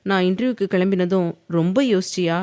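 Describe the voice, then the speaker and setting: A woman's voice: on the low side, fairly even intonation, quick pace, a little mellow, no echo, studio quality, natural voice. A woman voicing a playful, pouty young wife in an audio novel, with a whiny, coaxing delivery.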